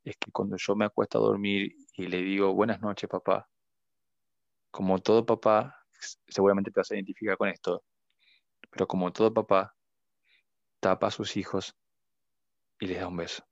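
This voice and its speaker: A man's voice: on the low side, little pitch movement, a little fast, vocal fry, no room sound, dull audio. A young man with an Argentine accent, a guest giving an earnest, emotional faith testimony. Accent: Argentine Spanish. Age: young adult.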